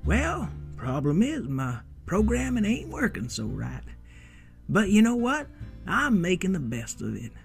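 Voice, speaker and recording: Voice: mid-range voice, huge pitch swings, measured pace, creaky, faint music behind, pitched above the performer's own voice, full character voice. A storyteller voicing a rusty old robot who talks in a folksy way, rambles, repeats himself and glitches with error messages. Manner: folksy drawl, trails off and repeats itself.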